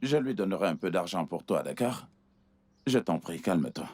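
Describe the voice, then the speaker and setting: A man's voice: deep voice, animated, moderate pace, darkish tone. A man dubbing a wealthy benefactor into French, patronizing and soothing. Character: rich man, smooth and generous-seeming. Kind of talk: French dub of a Nigerian film.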